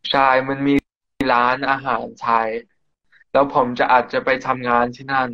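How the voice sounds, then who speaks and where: A teenage English lad speaking Thai as a second language, casual and full of slang, at a medium pitch. The sound is a little dull and muffled. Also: male voice, little pitch movement, moderate pace, sharp tone. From England. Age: teens. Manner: casual, slangy Thai, says yeah often. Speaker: guest.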